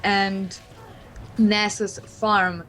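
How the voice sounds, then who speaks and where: A woman's voice: mid-range voice, level tone, extremely slow, a bit bright, a little hiss or hum. A woman co-commentating an esports match, teasing in tone, breaking down the plays. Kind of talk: analytical game commentary.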